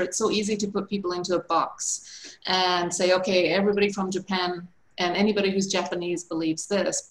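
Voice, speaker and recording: A woman's voice: on the low side, poor audio. A woman moderating a panel over a video call, introducing guests with encouragement and thanks. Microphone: computer mic on video call.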